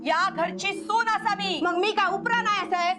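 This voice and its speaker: Shrill village wife, scolding nonstop, music under it. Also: female voice, fairly even intonation, normal speed. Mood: angry. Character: sharp-tongued quarrelsome village wife. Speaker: quarrelling family woman. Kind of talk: TV drama acting.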